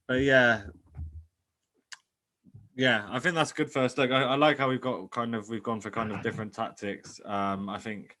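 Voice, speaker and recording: A man's voice: fairly low pitch, bright, forceful tone. A man hosting a casual podcast chat, talking hesitantly with lots of fillers and restarts. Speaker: podcast host.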